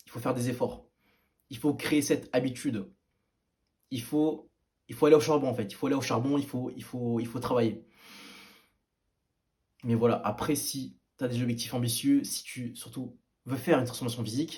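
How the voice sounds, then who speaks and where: A man's voice: medium pitch, normal speed, a little mellow. Casual, hesitant man giving fitness tips. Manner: hesitant, many fillers and restarts, blunt and informal. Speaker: fitness video maker. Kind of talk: casual advice to camera.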